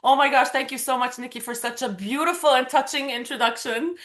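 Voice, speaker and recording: A woman from Lebanon whose first language is Arabic, speaking earnestly and warmly as an interview guest. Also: sits high, brisk. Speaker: guest, pageant titleholder. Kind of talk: casual interview conversation.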